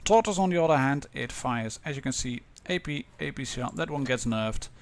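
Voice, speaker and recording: A Dutch man with a Dutch accent, casually commentating a live game stream with many pauses and restarts. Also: medium pitch, expressive. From Netherlands.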